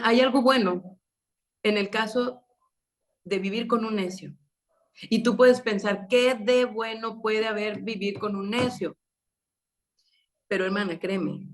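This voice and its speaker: Mexican woman giving a sermon to women, chatty storytelling, mid pitch, lots of "no?" questions. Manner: conversational, storytelling with rhetorical questions. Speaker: women's meeting preacher.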